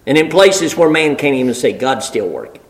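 A man's voice: mid-range voice, big pitch swings, moderate pace, poor audio. A man preaching a sermon in a folksy, emphatic way, building rhetorical lists and repeating phrases for weight.

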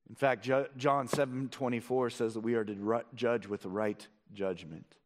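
A man's voice: fairly even intonation, moderate pace, a little hiss or hum. A man preaching a sermon as pastor, asking his listeners one question after another, his voice climbing and falling as he drives each point home. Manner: preaching with rhetorical questions and sweeping rises and drops in pitch. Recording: long reverb of a large hall.

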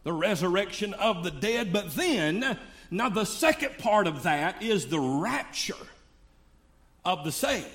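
A man's voice: high-pitched, big pitch swings, measured pace, fairly bright tone. An older man preaching a sermon in a fervent, folksy way.

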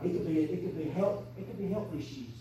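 A woman, preaching an impassioned sermon that swings between hushed and shouted. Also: lowish voice, quick pace, a little hiss or hum. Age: 30s. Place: church sanctuary. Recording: echoey church from far off.

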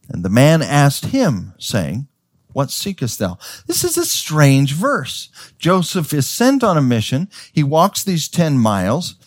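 A man's voice: a little high, no echo, studio quality. A man preaching a sermon as pastor. He tells the story in a conversational way, with stammers and restarts, and acts out the characters' voices.

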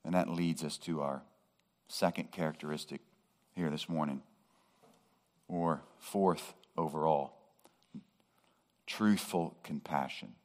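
Male pastor, deep low voice, slow and deliberate sermon delivery with emphatic rises. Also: fairly even intonation. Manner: slow, measured preaching that rises to emphatic peaks.

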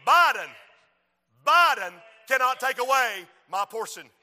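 High, bright-voiced man preaching. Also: lively intonation, a little slow, in a large hall. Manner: rhythmic repetition, swings from quiet to shouting. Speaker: preacher and school principal. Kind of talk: sermon.

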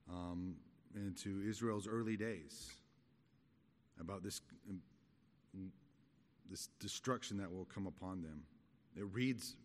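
A middle-aged man giving an expository Bible study in a halting, conversational, explanatory manner. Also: sits low. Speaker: Bible teacher. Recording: echoey hall with long reverb.

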